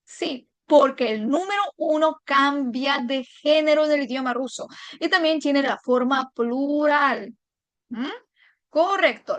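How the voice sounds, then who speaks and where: A woman's voice: high voice, a bit bright, no echo. A woman teaching a language lesson online, explaining patiently step by step and checking in her viewers.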